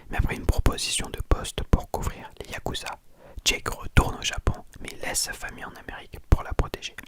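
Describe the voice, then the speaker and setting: A person speaking in a hushed, breathy library whisper, telling and reviewing a book informally for ASMR. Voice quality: soft, breathy unvoiced whisper. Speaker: ASMR content creator.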